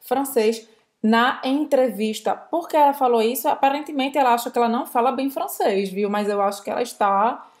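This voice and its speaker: A woman with a Brazilian accent, her voice sitting a bit high, explains French grammar in a relaxed lesson chat. She slows down to spell out sounds and words for learners. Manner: explanatory, demonstrates pronunciation slowly. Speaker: French teacher, co-host. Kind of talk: conversational language lesson.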